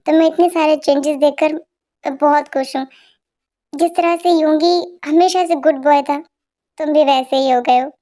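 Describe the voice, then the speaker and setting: Woman reading a gentle fond father, fan dub story, very high voice. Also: steady tone, moderate pace, natural voice. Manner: gentle, affectionate. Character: middle-aged man, fond indulgent father.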